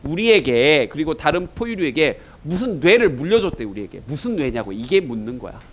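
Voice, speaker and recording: A man's voice: fairly high pitch, big pitch swings, a little fast, poor audio. A man teaching an English exam-prep lecture in Korean, asking his students rhetorical questions as he goes.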